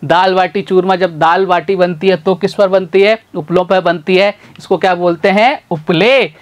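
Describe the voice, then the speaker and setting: A man teaching a literacy lesson in a folksy, repetitive call-and-response way. He sounds out syllables slowly and calls his learners brother and sir. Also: high-pitched, fairly even intonation. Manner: slow, sounds out syllables one by one.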